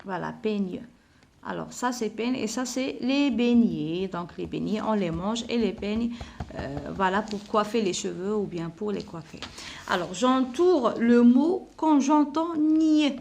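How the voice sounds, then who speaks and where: A woman teaching a primary school lesson. She repeats words slowly, spells out letters and sounds, and slips in Arabic words to explain vocabulary. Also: mid-range voice, gravelly, darkish tone. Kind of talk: slow classroom lesson explanation.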